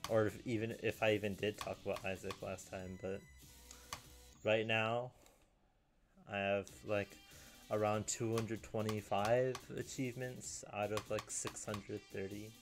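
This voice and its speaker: A young man talks slowly and flatly to his viewers, circling back over his own sentences as he goes. His voice sits a little low, and faint music plays underneath. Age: young adult. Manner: deadpan, rambling with restarts. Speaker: video creator. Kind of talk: casual solo chat.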